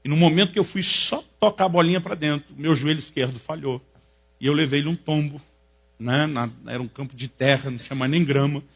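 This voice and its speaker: A Brazilian man, a pastor, preaching with jokey, animated storytelling in a husky voice. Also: mid-range voice. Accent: Brazilian Portuguese. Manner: animated, jokey storytelling with rising excited peaks. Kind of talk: sermon storytelling.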